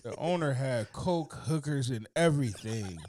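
A man co-hosting a podcast in casual chat, telling stories in a loose, animated, profane way. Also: medium pitch, moderate pace. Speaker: podcast co-host.

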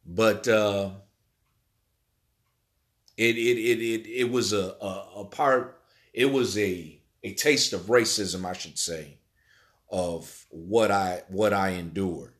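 Middle-aged man from Illinois, interviewee, lowish voice, slow and halting. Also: a bit bright. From Illinois, USA. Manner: halting, repeats words, many fillers. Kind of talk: personal storytelling.

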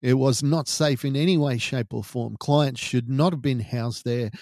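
Podcast host, male, Australian, middle-aged; serious true-crime-style first-person narration, deliberate phrasing, mid pitch, dry recording. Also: darkish tone, no room sound.

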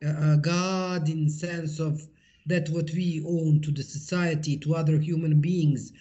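A woman's voice: low voice, fairly even intonation, unhurried, dark tone, muffled recording. A middle-aged woman with a Bosnian accent giving a personal interview account, hesitant and often searching for words. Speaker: interviewee, interfaith peace-building activist.

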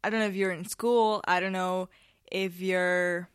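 A woman's voice: fairly low pitch, steady tone, unhurried, smooth. A teenage girl from Spain hosting her podcast, rambling casually with many ums and restarts, a little tired and nervous. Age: late teens. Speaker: podcast host. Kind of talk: casual solo podcast chat.

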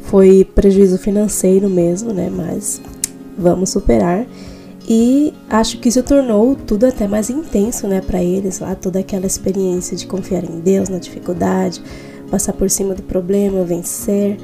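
Mellow Brazilian woman hosting a faith podcast. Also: mid-range voice, fairly even intonation, normal speed, gravelly, faint music behind. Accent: Brazilian Portuguese. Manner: reflective, chatty, self-correcting. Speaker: podcast host. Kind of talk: devotional podcast chat. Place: home in Switzerland.

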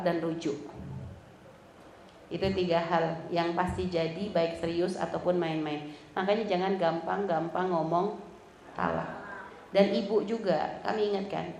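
A woman's voice: medium pitch, gravelly, darkish tone, a little hiss or hum. A woman religious teacher giving a talk to women, chatty and teasing, acting out quoted lines. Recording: roomy hall with faint ambience.

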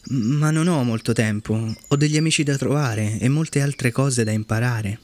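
A man's voice: medium pitch, normal speed, darkish tone, slight background noise, lightly acted. Polite curious boy prince, storybook voice, a man doing him slightly raised and questioning.

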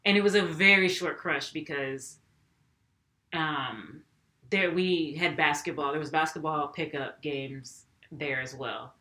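Young woman casually chatting, lots of "like" and laughing, bright voice, echoey room. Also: sits low, measured pace. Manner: laughs often, chatty with many fillers. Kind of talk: casual chat.

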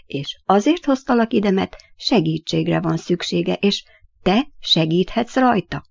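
A calm, earnest young boy from a storybook who talks in a steady, reassuring way, as a woman reads his part. There is a slightly gravelly texture, and the recording is dry and a bit dull. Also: mid-range voice, dry recording. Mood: serious.

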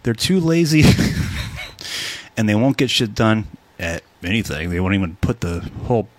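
A man's voice: on the low side, sing-song, a little slow. Joking, swearing male podcast host. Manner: profane, joking, rambling with many fillers. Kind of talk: casual chat.

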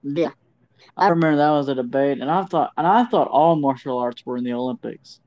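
A man co-hosting a casual podcast, laid-back and chatty, who gets excited when talking about anime. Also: mid-range voice, a little fast. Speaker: podcast co-host. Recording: dull lo-fi sound.

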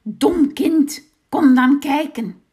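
A woman voicing a cruel old witch with bad eyes, shrill and scolding, in a children's fairy tale. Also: drawn-out words, warm tone. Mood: impatient.

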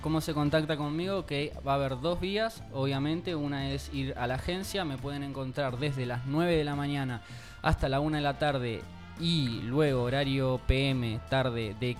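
A young man with an Argentine accent, a car salesman guest talking earnestly and warmly about his work in a casual interview. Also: mid-range voice, normal speed, soft background music. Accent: Argentine Spanish. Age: young adult.

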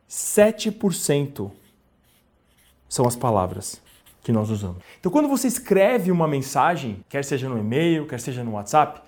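A male communication trainer leads a video lesson, his pitch rising and falling in a lively, expressive way. He keeps turning to the viewer with questions and acts out little examples as he teaches.

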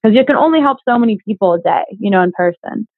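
A woman's voice: medium pitch, animated, fast talker, no room sound, phone-quality sound. A young woman chatting casually as an interview guest, a fitness coach with a bubbly, giggly manner.

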